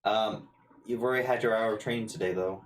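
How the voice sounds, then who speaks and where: A man's voice: lowish voice, steady tone, fast. A man running a tabletop game, narrating casually with blunt, sweary remarks. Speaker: game master. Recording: echoey room, faint noise.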